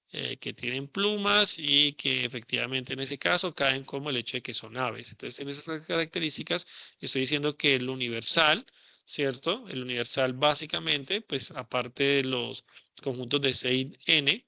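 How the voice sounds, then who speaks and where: A man teaches a class in a loose, thinking-aloud way, full of fillers and checking questions. His voice is gravelly and very bright, and the recording is dry and close, with no room sound. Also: mid-range voice, no room sound. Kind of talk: classroom lecture.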